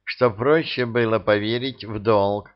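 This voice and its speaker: Flustered timid bat, read by a man, apologetic, unhurried, lo-fi audiobook. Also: fairly low pitch, fairly even intonation, lightly acted. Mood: sheepish. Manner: sheepish, apologetic.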